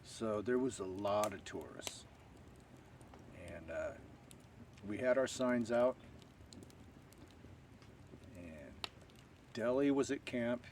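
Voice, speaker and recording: A man telling a long story to camera in a rambling, unhurried way, full of fillers. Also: fairly low pitch, expressive, darkish tone. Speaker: stealth camping vlogger. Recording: distant outdoor camera audio with faint ambient noise.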